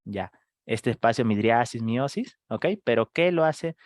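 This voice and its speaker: A man teaching a live online medical class, firing quick questions at students and acting out screaming patients. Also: mid-range voice, expressive, no room sound. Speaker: medical lecturer.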